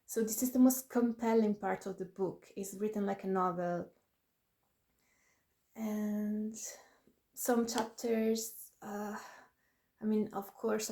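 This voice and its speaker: Mellow-voiced woman chatting to camera. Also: medium pitch. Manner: chatty, laughs often, self-deprecating asides. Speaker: author presenting her book. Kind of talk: casual talk to camera.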